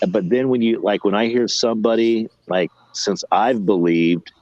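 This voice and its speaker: Low-voiced rambling man in his fifties. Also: darkish tone, no echo. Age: 50s. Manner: rambling, halting, restarts sentences. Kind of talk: casual chat. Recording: dull lo-fi audio.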